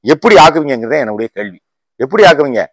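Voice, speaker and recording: A man, a political YouTuber, giving a heated rant to camera in a combative voice full of rapid rhetorical questions. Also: medium pitch, sing-song, dry recording, rough recording. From Tamil Nadu.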